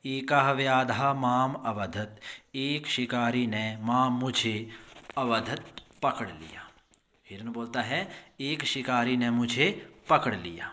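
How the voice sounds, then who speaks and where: Slow, patient man teaching a lesson. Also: mid-range voice, pushed and bright. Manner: slow, patient, repeats each line in translation. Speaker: school teacher. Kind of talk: recorded Sanskrit lesson, reading and explaining in Hindi.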